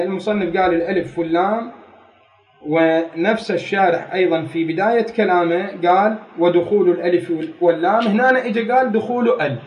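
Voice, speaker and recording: A man's voice: high-pitched, roomy sound, recorded from a distance, highs cut off. A man giving a grammar lecture, working methodically through a text, repeating key phrases and asking rhetorical questions. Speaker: grammar teacher. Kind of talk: classroom lecture reading and explaining a text.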